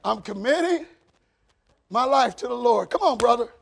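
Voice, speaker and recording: High, gravelly, shouting preacher man. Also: moderate pace, a little hiss or hum. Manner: animated, joking, shouting out. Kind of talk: lively sermon. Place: church.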